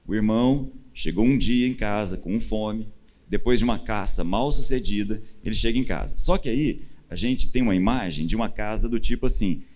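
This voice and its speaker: A Brazilian man preaching in a conversational teaching style, animated and acting out the people he quotes. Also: fairly low pitch, normal speed. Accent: Brazilian Portuguese. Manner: animated, acts out quoted voices with rising emphasis. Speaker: pastor. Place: church stage.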